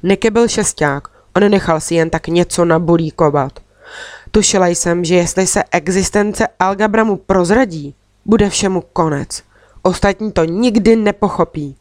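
A woman reads a children's storybook aloud in a steady, expressive way, close to the mic. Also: on the low side, dry recording. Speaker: audiobook reader.

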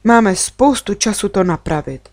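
A woman reading a storybook, voicing a cheerful, kind young girl who stays calm and friendly. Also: mid-range voice, no room sound, lightly acted.

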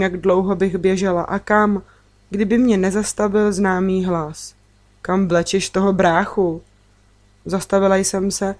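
A woman narrating a first-person children's story in an expressive, unhurried way. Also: medium pitch. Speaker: audiobook reader.

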